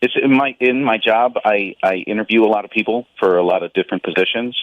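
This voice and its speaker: A man with a lowish voice talks over a dull, muffled phone line. He is hesitant and stammers, tripping over his words. The sound is dry with no room around it. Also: fast, no room sound. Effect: heard over a phone line. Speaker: radio show phone caller. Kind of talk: on-air phone call.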